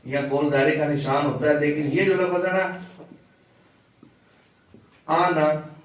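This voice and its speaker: Man, Quran recitation teacher, patient explanation, slow chanted examples, slightly high voice, distant mic, heavy room echo. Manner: patient, explains step by step and chants words slowly to show pronunciation.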